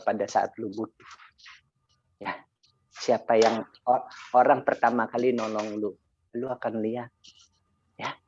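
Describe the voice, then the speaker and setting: A man's voice: medium pitch, a little mellow, lo-fi sound, a little hiss or hum. A man speaking in a motivational sharing session, telling a story with casual slang and acting out both sides of a conversation. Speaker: insurance agent sharing experience.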